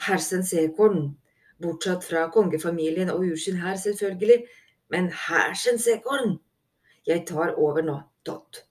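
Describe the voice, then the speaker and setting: A commanding male animal captain in a storybook, brisk and exasperated, voiced by a woman narrator. He speaks in clipped bursts from a somewhat low voice. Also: darkish tone, recorded from a distance, natural voice. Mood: muttering.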